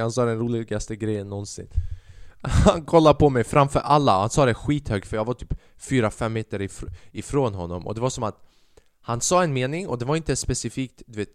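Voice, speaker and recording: A man's voice: on the low side, clean tone, dry recording, clean studio sound. A young man hosting a casual solo podcast, telling stories with lots of swearing and acting out what others said. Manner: swearing, animated, acts out quotes. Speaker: podcast host.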